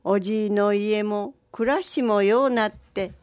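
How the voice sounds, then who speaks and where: A woman narrating a traditional folk tale in a gentle, rural dialect. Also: medium pitch, unhurried.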